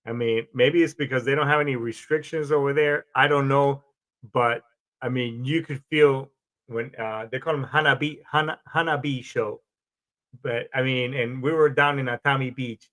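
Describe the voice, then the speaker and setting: A man's voice: medium pitch, steady tone, normal speed, a bit bright. A man from Colombia, a Marine veteran, hosting a podcast in a rambling, casual monologue with frequent restarts and swearing.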